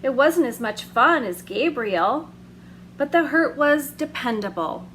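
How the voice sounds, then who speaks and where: With a high voice, a woman hosts story hour for children, giving a gentle, expressive reading of a picture book with long, drawn-out emphasis. A faint hiss or hum sits under the audio.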